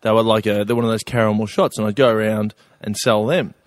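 A man's voice: fairly low pitch, fairly even intonation, fast talker, dry recording. A man, a guest, telling a rambling anecdote with laughs in a casual studio chat. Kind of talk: casual storytelling.

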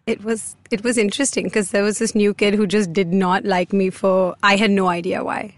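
A woman's voice: mid-range voice, level tone, a little fast, dry recording. An Indian woman co-hosting a podcast, bantering casually with a friend in a teasing, interjecting manner. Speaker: podcast co-host.

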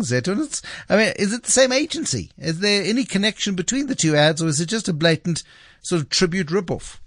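Male radio host, lively higher-pitched delivery, emphatic repetition, dry studio sound. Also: dry recording. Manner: emphatic, repeats phrases for effect. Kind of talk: conversational radio commentary.

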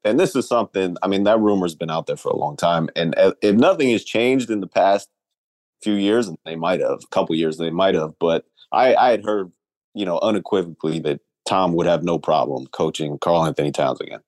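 A man's voice: low-pitched, a little fast, darkish tone, dry recording. A man in casual sports talk who thinks aloud and weighs both sides.

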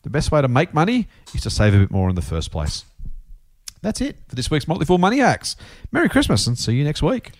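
Male Australian podcast host, blokey and chatty, rapid pace with very varied intonation. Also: fairly high pitch, wildly swooping pitch. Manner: jokey, blokey, addresses co-host as mate. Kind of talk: chatty, informal personal finance podcast talk.

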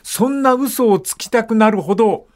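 An older man hosting a casual radio talk segment, reading listener letters and acting out dialect phrases with animated storytelling. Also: high-pitched, normal speed.

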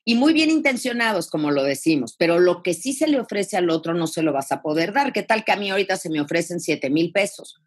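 A woman thanatologist with a Mexican accent giving advice in a podcast interview, expressive and full of rhetorical questions. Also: lowish voice, fairly quick, breathy edge. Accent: Mexican Spanish. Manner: expressive, acts out quoted phrases, rhetorical questions. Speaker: thanatologist guest.

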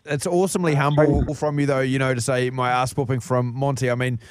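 A man's voice: mid-range voice, flat delivery, a little fast, no room sound, studio quality. A man with a New Zealand accent hosting casual radio banter, matey and complimentary with his guest. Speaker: radio host.

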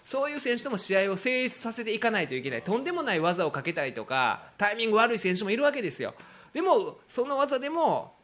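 A man with a Kansai accent, hosting a podcast in casual talk, animated and quick to laugh while he quotes others. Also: high voice. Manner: animated storytelling, laughing often, quoting others. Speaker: podcast host.

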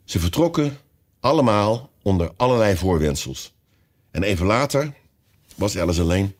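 Man reading a kids' story, lowish voice, lots of lift and fall. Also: normal speed. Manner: expressive storytelling. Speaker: narrator. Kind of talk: audiobook reading.

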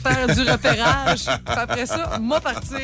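A woman's voice: fairly high pitch, very animated, a little slow, over loud music. A woman with a Quebec French accent hosting a radio show in casual chat, laughing often. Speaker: radio host.

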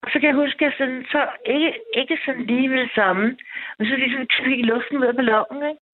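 A woman's voice: high voice, fairly even intonation. A woman in her fifties telling a long personal story on a call-in radio show, rambling, with many restarts and fillers. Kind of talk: casual phone-in storytelling. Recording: tinny phone line, dry.

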